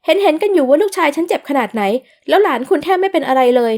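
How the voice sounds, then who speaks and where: A woman voicing an indignant, domineering middle-aged mother who shouts in a shrill, curt voice in an audio novel. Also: lively intonation, drawn-out words, exaggerated voice. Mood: furious.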